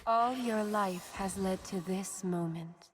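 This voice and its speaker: A woman voicing a serene lamb spirit of death in a video game, soft and breathy, calm and poetic in delivery. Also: medium pitch, slow pace, slight background noise, natural voice. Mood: serene, fatalistic. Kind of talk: video game character voice acting. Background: music.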